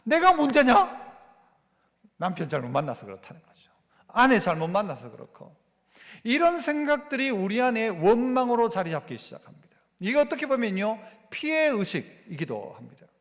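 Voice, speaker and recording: Animated Gyeongsang-accented man preaching. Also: high-pitched, brisk. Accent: Gyeongsang Korean. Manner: animated, acts out complaining voices with dialect phrasing. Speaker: pastor. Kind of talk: sermon. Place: church sanctuary. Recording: church hall reverb.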